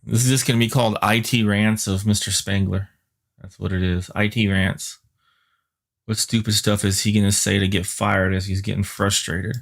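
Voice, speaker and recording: A man's voice: on the low side, flat delivery, moderate pace, creaky. A man teaching a live-streamed IT class, muttering and grumbling at the computer while he reads out network addresses as he types. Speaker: IT instructor.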